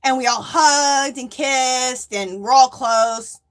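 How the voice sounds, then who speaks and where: A woman's voice: high voice, slow. A woman hosting a yarn crafting livestream, chatting casually with viewers, reading their comments aloud and laughing often, stressing her points with "okay?" and "Hello?". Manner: emphatic, tags lines with "okay?" and "Hello?". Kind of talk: casual chat with live viewers.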